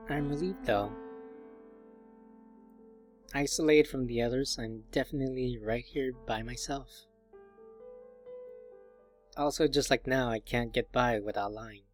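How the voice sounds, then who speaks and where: A lonely, frightened schoolgirl from a visual novel confides her thoughts in a quiet, confessional murmur , read out by a man at a mid-range pitch. Light piano music sits softly behind the voice. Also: measured pace, long pauses, lightly acted. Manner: quiet, confessional inner monologue. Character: lonely, fearful teenage schoolgirl narrator.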